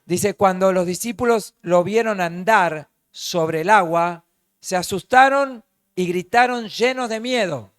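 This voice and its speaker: A pastor with a Rioplatense accent preaches in a high voice, leaning hard on key words and drawing them out. He keeps turning to the congregation with rhetorical questions. The sound is close and dry, with no room echo. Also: unhurried. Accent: Rioplatense Spanish. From Argentina. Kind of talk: sermon.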